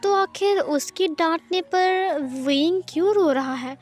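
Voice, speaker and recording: A woman's voice: very high-pitched, takes it slowly, soft background music. Woman reading a fan story aloud. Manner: plain storytelling with many speech tags. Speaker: narrator.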